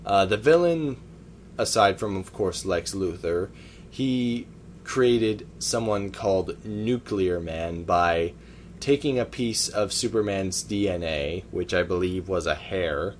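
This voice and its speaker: A man's voice: deep voice, slow, a little hiss or hum. A man co-hosting a casual podcast, rambling through opinions on films with hesitant fillers. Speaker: podcast co-host. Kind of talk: casual chat about movies.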